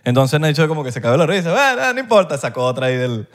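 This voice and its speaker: A fast-talking man with a Venezuelan accent, co-hosting a casual podcast. His pitch sits a bit high and swings widely as he acts out the people in his stories. He is slangy and swears freely. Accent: Venezuelan Spanish. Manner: animated storyteller who acts out other people's voices. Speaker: podcast co-host. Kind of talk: casual chat.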